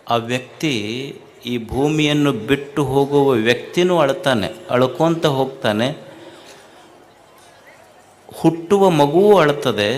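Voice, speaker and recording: A man giving a spiritual sermon from a stage at a religious festival, slow and measured, repeating phrases for emphasis. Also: medium pitch, a little mellow, a little hiss or hum. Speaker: swami giving a spiritual discourse.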